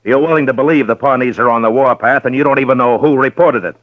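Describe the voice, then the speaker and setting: An actor playing a firm, skeptical Old West marshal with a dry, probing manner, in old-time radio western style. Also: male voice, medium pitch, quick pace, close to an everyday voice. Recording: dull roomy vintage radio recording.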